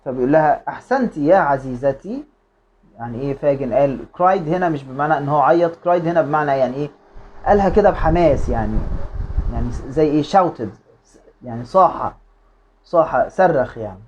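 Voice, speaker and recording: A teacher with an Egyptian accent reads an English storybook aloud slowly and explains it quickly, with many hesitations. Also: medium pitch, animated, darkish tone, lo-fi sound, slight background noise. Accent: Egyptian Arabic. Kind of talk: reading a storybook aloud and translating.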